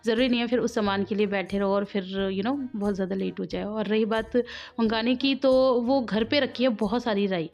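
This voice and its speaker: A woman's voice: mid-range voice, a little fast, darkish tone. A woman recording a chatty voice-over for her home cooking vlog. She has a sore throat and a cough, laughs often, and drifts into side stories. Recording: dull lo-fi voice-over.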